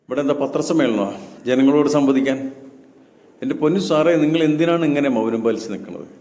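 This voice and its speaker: A man gives spoken commentary in a lecturing tone, firing off one rhetorical question after another. His voice is mellow and dark, at an ordinary pitch for a man. The room is echoey, with a long reverb trailing behind him. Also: fast talker. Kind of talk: reaction commentary. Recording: roomy echo with long reverb.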